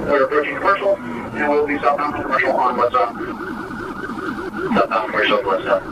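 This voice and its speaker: A police officer over a police radio, giving terse, clipped call-outs of streets and speeds during a pursuit. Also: male voice, medium pitch, brisk, dull audio. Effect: heard over a police radio. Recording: distant, very noisy radio transmission.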